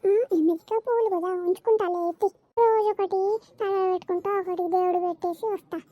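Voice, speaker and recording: Woman playing a cartoon mother-in-law, old, very high voice, dark tone, nagging, suspicious, bossy. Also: fairly even intonation, brisk, dry recording. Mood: boastful. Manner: scolding, complaining, nagging.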